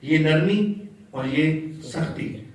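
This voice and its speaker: Patient male teacher, echoey and distant. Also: fairly high pitch. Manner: patient, drills letter sounds aloud, chants sounds. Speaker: Quran recitation teacher. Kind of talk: classroom tajweed lesson. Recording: echoey room, mic far off.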